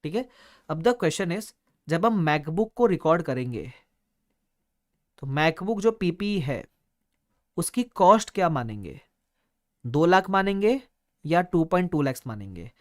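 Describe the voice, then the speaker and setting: A man's voice: a little high, sing-song, slow pace, long pauses, no room sound, clean studio sound. A man teaching an online exam-prep lecture, playful and storytelling, mixing Hindi and English.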